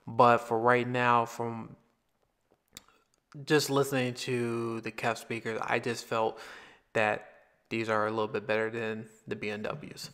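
Male vlogger, mid-pitched, casual rambling product review with frequent restarts. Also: level tone, unhurried, fairly bright tone, clear, resonant tone. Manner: rambling, repeats himself, restarts phrases. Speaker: tech reviewer.

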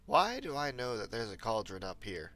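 Gravelly young man streaming with a cold. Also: on the low side, animated, moderate pace, fairly bright tone. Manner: rambling, chatting to viewers. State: recovering from a cold. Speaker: livestreamer. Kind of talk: casual gameplay commentary.

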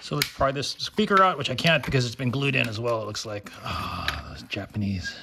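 A man hosts a noisy hobby recording in which he takes apart electronics, thinking aloud and explaining as he works, amid clicks and handling sounds. He has a gravelly, mid-range voice and a brisk delivery.

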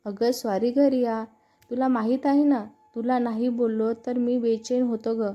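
A woman's voice: fairly high pitch, steady tone, unhurried, natural voice. A woman voicing an irritated but tender young man in an audio story. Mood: apologetic. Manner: irritated, reproachful. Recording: dull lo-fi narration with faint music.

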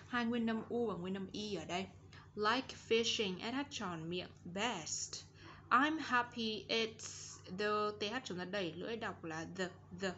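A woman teaching an English lesson for children with a Vietnamese accent. She says model phrases slowly and carefully, then explains quickly. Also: mid-range voice, a bit bright, lo-fi sound, slight background noise.

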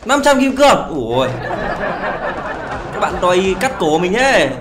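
A man's voice: sits high, very animated, normal speed, crowd noise, noisy background. A young man hosting a gaming video, pleading and playfully self-pitying as he banters with teammates. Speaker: gaming channel host. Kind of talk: casual live commentary while playing.

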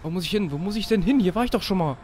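A man's voice: high-pitched, expressive, racing, slight background noise. Yelping, swearing gamer guy. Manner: yelps, swears and shouts orders at the game character. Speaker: let's play host. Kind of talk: excited gameplay commentary.

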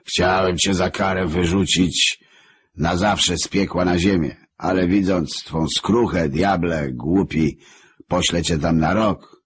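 A man voicing a tyrannical male lord of hell in an audiobook, with a husky voice and slow, commanding pronouncements. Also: low voice, fairly even intonation, voice pushed up, full character voice. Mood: stern.

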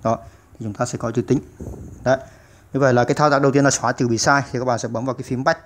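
Fast-talking man full of fillers. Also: mid-range voice, steady tone, slight background noise. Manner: many "à" fillers, patient explaining. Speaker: computer tutorial host. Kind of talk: step-by-step screen-recorded tutorial.

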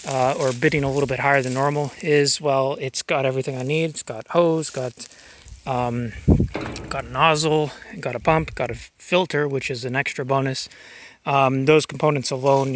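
A man's voice: medium pitch, noisy background. Rambling man vlogging outdoors. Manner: rambling, filler-heavy, thinking aloud. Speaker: vlogger showing a fuel tank. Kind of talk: casual outdoor vlog narration. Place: outdoors in a grassy yard. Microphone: handheld camera mic.

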